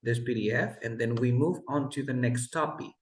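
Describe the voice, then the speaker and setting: Guy teaching english on a video call, patient, kinda echoey room. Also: medium pitch. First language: Spanish. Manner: patient, explains pronunciation slowly. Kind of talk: online one-on-one lesson. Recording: roomy echo.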